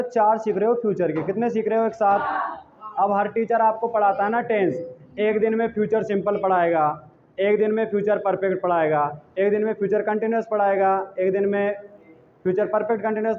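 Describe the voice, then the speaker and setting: High-voiced teacher, tinny classroom recording. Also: male voice. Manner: scolding and teasing students directly. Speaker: coaching teacher. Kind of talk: classroom English grammar lesson. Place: small coaching classroom. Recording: tinny phone-like classroom recording with faint noise.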